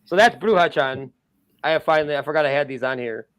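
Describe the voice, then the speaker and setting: A man chatting casually as a podcast guest, talking excitedly with lots of fillers about his art. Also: a little high, quick pace, clean tone, highs cut off. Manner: excited, rambling, many fillers. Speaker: guest artist.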